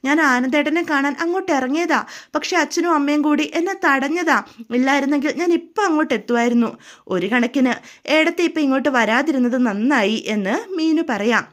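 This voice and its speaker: A woman's voice: high voice, brisk, natural voice. A woman voicing a soothing young sister-in-law. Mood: reassuring. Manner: soothing, gently reasoning. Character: caring young sister-in-law, calm and reassuring.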